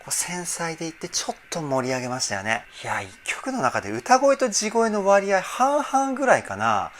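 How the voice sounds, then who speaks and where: A man's voice: high voice, very animated, moderate pace. A man working as a vocal trainer, giving effusive reaction commentary on a song. He breaks into exclamations between short analytic remarks. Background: faint song playing.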